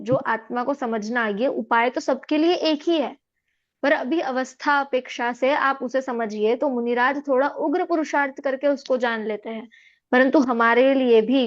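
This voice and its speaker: A woman teaching a scripture class, patiently explaining and checking in with her students. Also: high-pitched. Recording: dull lo-fi audio.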